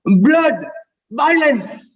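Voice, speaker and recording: A young man acting in a school play over video call, excitable and jokey. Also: extremely high pitch, very slow, in a large hall, far from the mic, lo-fi sound. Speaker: actor in the play.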